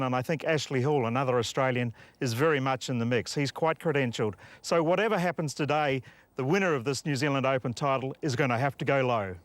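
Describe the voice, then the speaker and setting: A man giving measured golf commentary as an analyst, describing play in clipped present-tense phrases. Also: medium pitch, no room sound.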